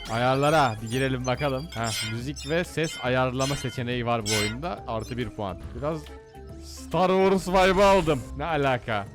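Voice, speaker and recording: A man commentating as he plays computer games, excitable and jokey, often shouting at the game. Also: medium pitch. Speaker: gaming YouTuber. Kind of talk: let's play commentary.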